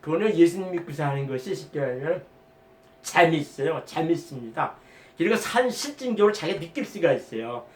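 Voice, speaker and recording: Middle-aged guy preaching his testimony, high voice, kinda far from the mic, echoey room. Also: animated, a little fast, slight background noise. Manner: earnest, rambling, emphatic, with quoted prayers. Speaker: lay preacher giving testimony. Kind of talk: spoken testimony sermon.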